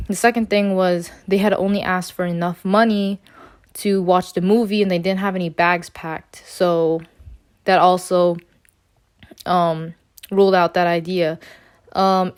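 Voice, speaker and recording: Young woman, lowish voice, student presenter, talks haltingly with fillers and restarts. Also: clear, resonant tone. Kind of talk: unscripted case summary.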